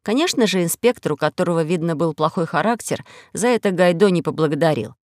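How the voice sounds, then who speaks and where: Audiobook narrator, woman, measured and even, dry close studio sound. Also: on the low side, no echo. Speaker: audiobook reader. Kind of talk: scripted narration.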